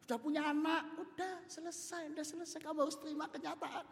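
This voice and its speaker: A man's voice: extremely high pitch, little pitch movement, fast talker, gravelly, pitched above the performer's own voice. A man preaching in a hall voicing a group of female friends who insistently urge a wife to accept her divorce. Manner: insistent, nagging.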